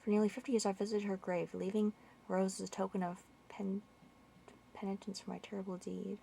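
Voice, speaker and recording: A guilt-ridden older magistrate from a game, read aloud by a woman. The lines come out plainly, like text read off the screen, with a gravelly edge at mid pitch. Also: level tone, brisk, warm tone, slight background noise, natural voice.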